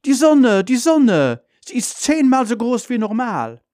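A man voicing an excitable young girl who exclaims shrilly. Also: extremely high pitch, a little slow, no echo, studio quality, voice pushed up, exaggerated voice. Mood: excited.

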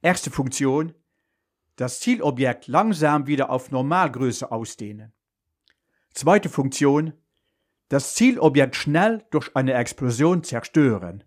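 A man voicing a calm male superhero who answers an emergency call, explaining in a steady, matter-of-fact way. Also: mid-range voice, slow pace. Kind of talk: school radio story reading.

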